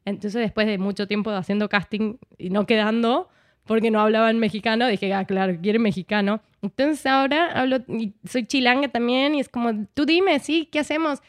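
A woman's voice: fairly high pitch, fairly even intonation, brisk, no echo, clean studio sound. A woman from Argentina, an actress, talking casually in a conversation and often tagging her thoughts with "¿no?". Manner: chatty, frequent "¿no?", switches accents. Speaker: actress, guest.

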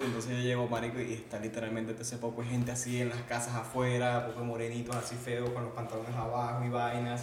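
Venezuelan man telling stories fast. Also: mid-range voice. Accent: Venezuelan Spanish. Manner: slangy, animated anecdotes. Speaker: podcast guest. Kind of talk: casual storytelling. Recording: echoey room with background noise.

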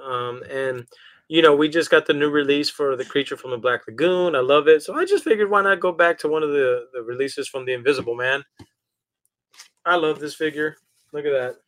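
A podcast co-host chats about horror collectibles in a laid-back, profane way, calling people bro. His voice is fairly high, fairly quick and fairly bright.

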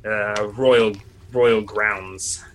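A man's voice: on the low side, fairly even intonation, drawn-out words. A man voicing a cocky, slyly evasive cat burglar prisoner in tabletop role-play, with playful, theatrically polite manners. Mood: playfully evasive.

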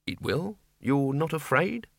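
A man's voice: a little high, animated, unhurried, gravelly, no echo, clean studio sound, voice pushed up. A man voicing an old, fawning male servant who talks nervously, pleading and stammering in an audiobook reading. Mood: anxious.

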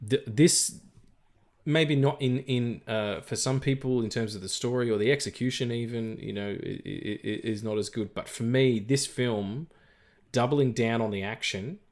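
A man co-hosting a film podcast, talking casually with lots of fillers, restarts and jokes. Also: fairly low pitch. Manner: rambling, many fillers and restarts, jokey. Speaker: podcast co-host. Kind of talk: casual film review chat.

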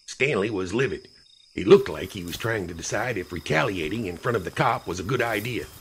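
A man reading a first-person story aloud as an audiobook narrator, with an expressive delivery. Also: on the low side, brisk, a little hiss or hum.

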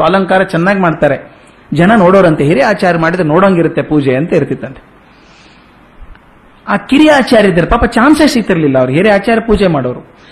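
A man's voice: a little high, poor audio. An older man giving a spiritual discourse, telling stories and acting out the characters' lines. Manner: animated storyteller who acts out characters' lines. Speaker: spiritual lecturer. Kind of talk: storytelling discourse.

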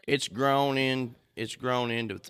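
A middle-aged man talking in a relaxed, jokey way about his hometown. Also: mid-range voice, takes it slowly, smooth.

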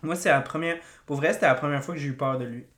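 Québécois lady cohost, excited, swears a lot, lots of "tu sais", roomy echo. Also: sits low, fast. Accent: Québécois French. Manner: animated, swearing, frequent fillers and loud laughs. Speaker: podcast co-host. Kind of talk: casual chat. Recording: echoey room.

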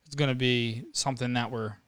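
A man's voice: medium pitch, fairly even intonation, fairly quick, fairly bright tone, clear, resonant tone, no room sound. A young man with a mid-range voice chatting on a podcast. He is playful and teasing as he tells stories to his friend. His voice sounds close and dry. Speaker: podcast co-host. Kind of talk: casual chat.

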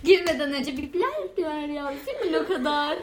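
A young adult woman in casual chat, tossing out quick joking punchlines. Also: high-pitched. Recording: loud crowd noise behind.

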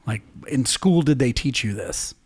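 Recorded close and dry with no room sound, this middle-aged podcast co-host and musician chats casually, quick to laugh and prone to wandering into stories. He has a husky, darkish, medium-pitched voice with lively intonation at a normal speed.

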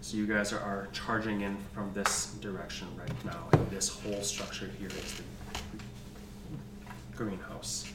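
A man's voice: lowish voice, flat delivery, measured pace, very noisy. A man acting as game master, narrating a tabletop fantasy game. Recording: roomy, distant mic, music playing.

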